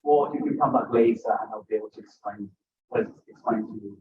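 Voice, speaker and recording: At a book talk in a bookstore event room, a Ugandan author, not a native English speaker, chats and jokes with the crowd. His voice sits on the low side with vocal fry, wildly swooping pitch and a slightly fast pace, recorded in a roomy, distant, dull way.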